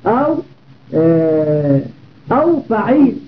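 Taking his time, an Arabic grammar teacher drills word patterns and asks rhetorical questions during a class lesson. His high-pitched voice swings widely in pitch, and the sound is thin and phone-like.

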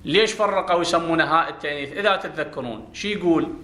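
A man's voice: a little high, very fast, bright, forceful tone, roomy sound. A man teaching a grammar class, explaining step by step and putting questions to his students. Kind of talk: classroom lesson.

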